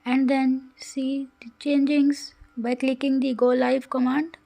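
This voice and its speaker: A woman's voice: high-pitched, flat delivery, slow pace, vocal fry, warm tone. A woman narrates a coding tutorial in a careful, instructional way, with phrasing. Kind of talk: scripted screen-recorded tutorial narration.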